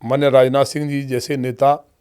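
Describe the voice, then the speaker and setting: A man who is a state legislator, answering interview questions at length in a measured storytelling way and using formal honorifics for other leaders. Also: mid-range voice, little pitch movement, a little mellow, clear, resonant tone. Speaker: politician guest, state legislator. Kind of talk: long-form podcast interview answers.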